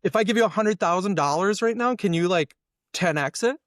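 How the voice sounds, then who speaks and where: A high-pitched man speaking a little fast, heard in clean studio sound with no room noise, is an SEO consultant appearing as an interview guest. Casual and strong-minded, he's an animated explainer who dramatizes hypothetical exchanges.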